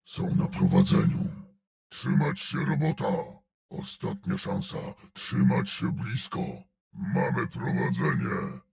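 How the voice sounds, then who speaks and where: An actor voicing a huge, gruff male brute in a video game, growling out terse battle callouts and dry sardonic remarks in a gravelly voice. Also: fairly low pitch, wildly swooping pitch, slow pace, a crowd in the background, full character voice.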